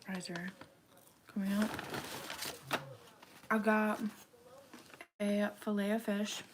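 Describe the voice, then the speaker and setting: A young woman hosting a casual livestream eating show, chatting in a rambling way with many fillers and dropping into soft whispers now and then. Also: mid-range voice, flat delivery, slow pace, noisy background. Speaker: livestream host.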